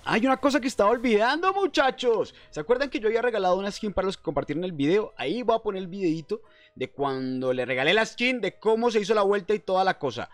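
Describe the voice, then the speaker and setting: A man's voice: sits high, lively intonation, quick pace, dry recording. A young man with a Colombian Spanish accent giving casual, slangy, playful commentary as a gaming streamer, speaking close to a desk mic. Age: young adult. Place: indoor room at a desk. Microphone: desktop microphone close in front.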